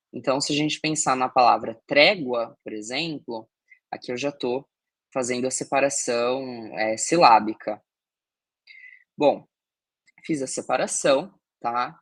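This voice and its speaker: A man's voice: mid-range voice, a bit bright, no echo. Guy teaching a grammar class, keeps saying "right?" and "okay?", dry close sound. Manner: explanatory, many fillers and tag questions. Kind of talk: recorded grammar lesson.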